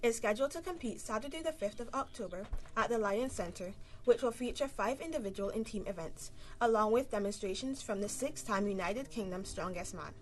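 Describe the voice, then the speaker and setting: A woman's voice: medium pitch, a little fast, few pauses, poor audio. A woman with a Caymanian accent presenting a scripted youth news bulletin.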